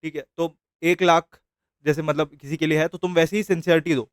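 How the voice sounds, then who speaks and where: A man's voice: fairly high pitch, fairly even intonation, brisk, clear, resonant tone, no echo, clean studio sound. A young man teaching a trading course in a casual, encouraging way, mixing English phrases into his speech. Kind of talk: casual motivational lesson.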